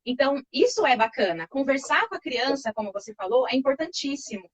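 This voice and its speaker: A woman, calmly explaining baby development as an interview guest, reassuring and patient, often checking in with tag questions. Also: sits high, brisk, husky, no echo. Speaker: child development expert guest. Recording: slightly muffled lo-fi recording.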